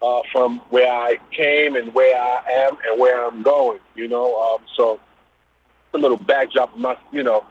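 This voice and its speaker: In an unhurried, steady mid-range voice with a breathy edge and no room sound, a middle-aged man from Brooklyn describes his background. The New York-accented business owner is a guest in a casual interview over a phone-like call line, easygoing and loose with lots of fillers.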